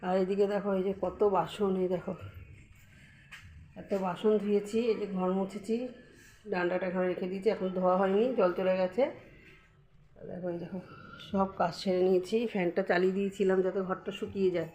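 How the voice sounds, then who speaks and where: A woman's voice: medium pitch, level tone, a little fast, long pauses, mellow, slight background noise. A middle-aged woman and grandmother narrating a casual home vlog, chatting straight to her viewers as she goes about her chores indoors, recorded on a handheld phone.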